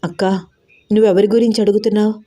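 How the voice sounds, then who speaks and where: A woman voicing a nervous young woman, the younger sister, speaking in a hurried way. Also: mid-range voice, fairly even intonation, dark tone, close to an everyday voice.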